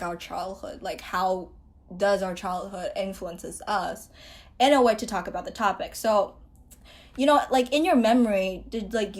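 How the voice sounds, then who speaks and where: Young female podcast host from Taiwan, casual chatty delivery, filler-heavy. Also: medium pitch. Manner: chatty, many filler likes.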